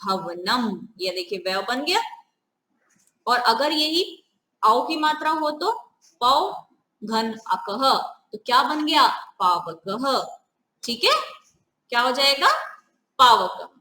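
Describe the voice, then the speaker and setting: A woman's voice: on the high side, animated, slow pace, long pauses, pushed and bright, roomy sound, rough recording. A woman teaching a grammar lesson step by step, often asking the viewers questions. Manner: repeats "ठीक है", asks the viewers questions.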